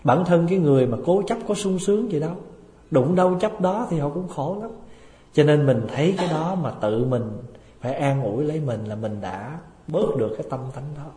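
A man's voice: on the high side, expressive, brisk, mellow. A male Buddhist monk giving a dharma talk. He tells humorous anecdotes and keeps asking rhetorical questions. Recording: echoey hall with long reverb.

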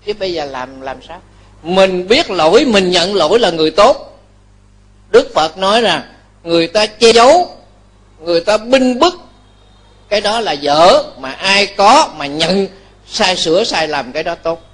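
A man's voice, a Buddhist monk speaking, pitched fairly high for a man. He preaches in a lively storytelling way, often checking with his listeners that they agree. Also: unhurried. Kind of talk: Dharma talk sermon.

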